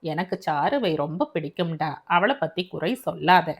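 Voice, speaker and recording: A woman voicing a stubborn seventy-year-old grandfather in an audio novel, speaking gruffly in a lowered voice. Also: normal speed.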